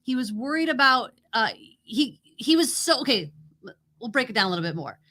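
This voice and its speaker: A woman's voice: a little high, big pitch swings, a little fast, pushed and bright. A woman co-hosting a podcast in a casual, conversational style. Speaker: podcast co-host. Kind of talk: casual chat.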